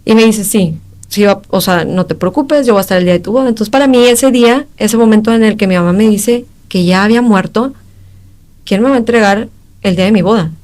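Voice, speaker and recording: A young woman with a Mexican accent, a podcast guest giving an emotional personal testimony in halting speech, acting out the exchanges she recalls. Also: medium pitch, a little mellow. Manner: emotional, halting retelling that acts out quoted exchanges.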